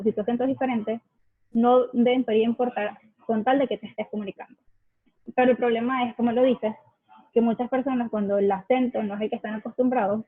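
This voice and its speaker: Husky woman on a call. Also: on the high side, no room sound. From Venezuela. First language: Spanish. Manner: thoughtful, hesitant, searching for words. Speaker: guest sharing immigrant experience. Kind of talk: casual video chat. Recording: tinny dry call audio.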